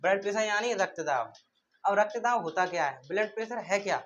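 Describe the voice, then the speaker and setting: A man's voice: sits high, lively intonation, brisk, fairly bright tone, slight background noise. A male teacher giving a classroom lecture. He asks questions and answers them himself, and repeats key terms in a call-and-response drill.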